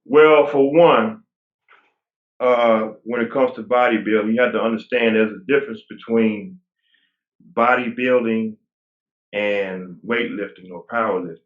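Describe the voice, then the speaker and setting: A guest bodybuilder in his forties speaks at a measured pace, his voice on the low side. The casual interview talk wanders, relaxed and often restarted, over a tinny, phone-like line with a roomy echo.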